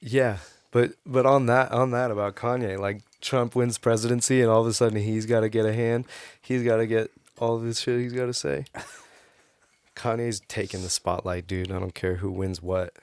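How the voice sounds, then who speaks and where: A man's voice: mid-range voice, steady tone, moderate pace, clean tone, no echo. A man in casual podcast chat, rambling, profane and opinionated on a close mic.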